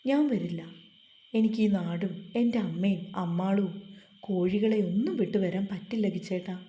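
A woman's voice: mid-range voice, moderate pace, mellow, roomy sound, lo-fi sound, lightly acted. A woman voicing a sulky, tender young village wife in a spoken storybook, with a pouting, pleading manner.

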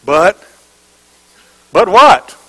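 Pastor, male, high-pitched, preaching call-and-response style, repetitive and emphatic, questions the congregation. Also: very animated, extremely slow, a bit bright, poor audio. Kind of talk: sermon. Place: church before a congregation.

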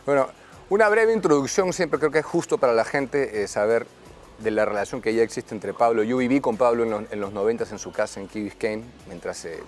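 A man's voice: medium pitch, brisk, faint music behind. A man in his forties hosting an interview on an outdoor tennis court, speaking in a friendly, orderly way with some hesitant fillers. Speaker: host. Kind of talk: casual interview.

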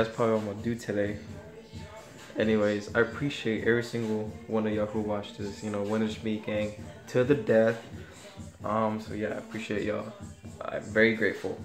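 A young man chatting to his vlog audience in a laid-back, slangy way. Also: fairly low pitch. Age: young adult. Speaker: vlogger. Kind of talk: casual vlog chat. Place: small rooms at home, car. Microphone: phone at arm's length. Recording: faint background noise, phone recording.

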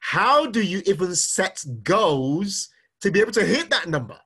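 A middle-aged finance speaker with a high-pitched, slightly rough voice gives a live-streamed personal finance talk at a measured pace. Energetic, he reads viewers' comments aloud and fires questions at them, repeating them often.

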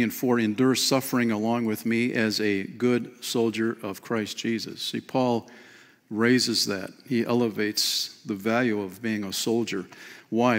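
A man in his fifties preaching a sermon from a lectern in a church, lively and emphatic, often calling listeners "man" and "friend". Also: medium pitch. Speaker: pastor. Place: church stage behind a clear lectern. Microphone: lectern mic. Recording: long church hall reverb.

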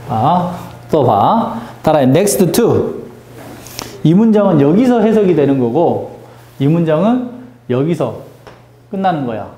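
A male English teacher giving a lively classroom grammar lesson, drilling students with call-and-response questions and teasing them. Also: fairly high pitch, a little slow, roomy sound.

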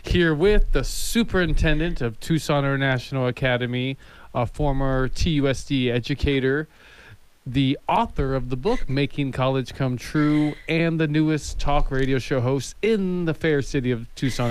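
Smooth-voiced American man, radio co-host. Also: medium pitch, moderate pace, dry recording, poor audio. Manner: playful, informal. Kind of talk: casual radio banter. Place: small radio studio. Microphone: studio boom microphone.

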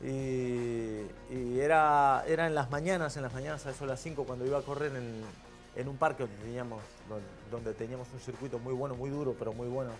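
A man's voice: medium pitch, fairly quick, soft background music. A man from Argentina with a mixed Argentine and Spanish accent, chatting frankly and casually as a talk show guest. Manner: relaxed, frank, laughs at himself. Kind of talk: casual chat.

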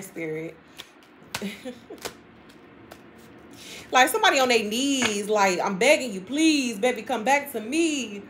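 A woman's voice: mid-range voice, noisy background. A woman giving a casual tarot reading to her viewers, chatty and emphatic, repeating phrases and laughing often. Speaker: tarot reader.

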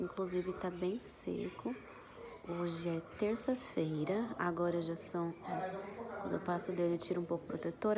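Sick with the flu, a young beauty vlogger with a congested nose and scratchy throat talks slowly to her phone camera held at arm's length, walking through her skin recovery and showing the details. Her voice is fairly low, and she films first in a parked car, later on a sofa at home.

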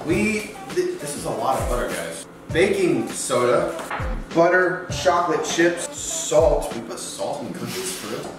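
An upbeat, jokey man hosts a casual cooking vlog. He speaks slowly and with a lively, swinging pitch. He sounds far from the mic in a very echoey kitchen, with music playing underneath. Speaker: host. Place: home kitchen. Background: background music.

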